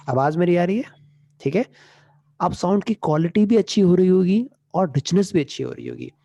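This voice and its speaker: A man with a gravelly, slightly high voice teaches a live online class in a relaxed, chatty way. He keeps checking in with his students. He switches between a studio mic and a headset mic, sometimes speaking from across the room. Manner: explains casually, checks in often with "ठीक है?". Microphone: USB studio mic and headset mic in turn. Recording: voice moves between mics, often from far off.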